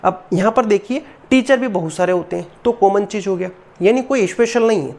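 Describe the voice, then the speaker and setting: A woman's voice: medium pitch, a little fast, darkish tone. A woman teacher giving a classroom grammar lesson. She patiently repeats each rule, keeps asking rhetorical questions, and calls her students "beta".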